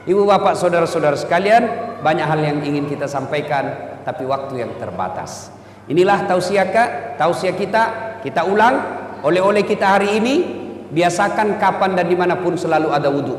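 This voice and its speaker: A man preaching a comic sermon, telling stories in a lively way and acting out the figures in them. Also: high voice, distant mic, a little hiss or hum. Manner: lively storytelling, voices the figures. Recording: echoey hall with faint ambience.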